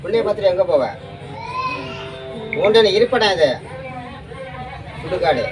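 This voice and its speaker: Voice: mid-range voice, expressive, measured pace, over music, crowd noise. A temple oracle medium leading an exorcism ritual, questioning in a commanding, repetitive way. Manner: commanding, interrogating, repeats demands. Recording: distant mic with loud noise.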